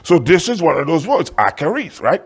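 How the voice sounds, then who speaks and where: A man preaching a sermon as pastor, reading scripture slowly with dramatic emphasis and asking the listeners rhetorical questions. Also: fairly high pitch, big pitch swings, breathy edge. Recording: sermon recorded in a church.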